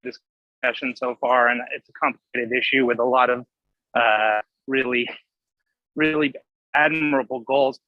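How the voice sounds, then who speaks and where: A man's voice: medium pitch, steady tone, moderate pace, pauses often, no echo. A committee member speaking remotely, his call audio breaking up and cutting out as he makes an earnest point with hesitant restarts. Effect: choppy call audio, breaking up. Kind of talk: remote meeting comment. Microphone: remote call over Wi-Fi. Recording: dull dry lo-fi call audio.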